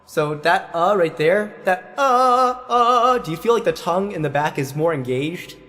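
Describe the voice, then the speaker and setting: A man's voice: a little high, normal speed, faint music behind. A man giving a singing lesson as voice teacher, patiently explaining and singing vowels to show them.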